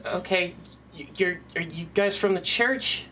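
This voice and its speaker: A man's voice: high-pitched, a little slow, pushed and bright, slight background noise, voice pushed up. A man voicing a nervous male survivor in a zombie apocalypse who stammers and trips over his words. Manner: stammering, jittery. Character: nervous male survivor guarding an empty storeroom.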